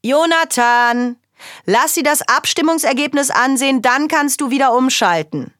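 A woman's voice: sits high, moderate pace, a bit bright, no echo, clean studio sound, pitched above the performer's own voice. A woman voicing an exasperated father who scolds his son in a raised voice. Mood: scolding. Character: exasperated dad, stern father.

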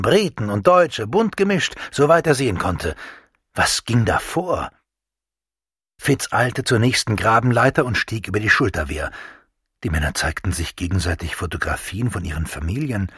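A man narrating a novel as an audiobook in a measured, expressive reading. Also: fairly low pitch, slightly rough, dry recording, clean studio sound.

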